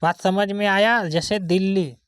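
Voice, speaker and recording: A woman's voice: mid-range voice, fairly even intonation, unhurried, dry recording. A woman teacher giving a spelling lesson, sounding out words letter by letter and checking that the pupils follow. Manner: asks checking questions of the pupils. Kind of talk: classroom-style spelling lesson.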